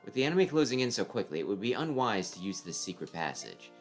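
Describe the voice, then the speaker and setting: A low-pitched man reading the part of a calculating young military advisor from a fantasy game. He speaks in formal, measured counsel and stays grave, with music faintly behind him. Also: big pitch swings. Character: grave, calculating young army strategist advising his commander. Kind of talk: game script read aloud.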